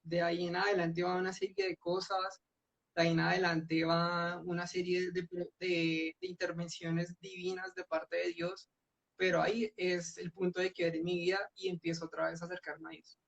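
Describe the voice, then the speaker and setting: Young man, high gravelly voice, earnest testimony, dull lo-fi recording. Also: normal speed, fairly bright tone. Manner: earnest storytelling with frequent restarts. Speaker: guest giving his testimony. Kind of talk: personal testimony in a church youth meeting. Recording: dull lo-fi sound.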